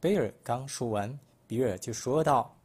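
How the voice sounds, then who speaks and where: A man from Malaysia reading a picture book aloud for children, expressive and clear in his storytelling. His voice is middle in pitch with a husky texture. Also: normal speed.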